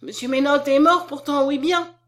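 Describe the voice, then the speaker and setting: A woman reading a story aloud, voicing an anxious, devout peasant nurse who speaks in loud exclamations. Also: medium pitch, normal speed, natural voice. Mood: alarmed. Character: frightened, kind-hearted peasant nurse woman. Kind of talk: audiobook character reading.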